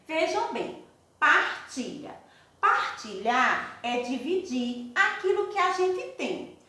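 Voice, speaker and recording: A Brazilian woman teacher giving a recorded lesson to young pupils, affectionate and sing-song, addressing them slowly and warmly. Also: high voice, big pitch swings. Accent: Brazilian Portuguese. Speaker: primary school teacher. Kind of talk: recorded remote lesson for children. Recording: echoey room.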